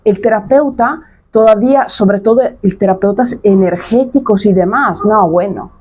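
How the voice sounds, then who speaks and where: A woman's voice: medium pitch, moderate pace, darkish tone, slightly rough, lo-fi sound. A woman in her thirties, a coach talking straight to camera in a casual monologue, emphatic and blunt, repeating her points and dropping slang. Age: 30s.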